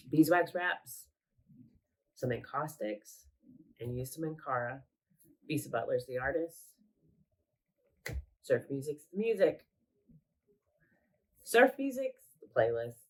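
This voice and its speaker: A woman with a very deep, nasal voice, sick and congested, chats casually at home while showing her craft projects. Her show-and-tell vlog is rambling and full of self-corrections, captured in a low-quality recording.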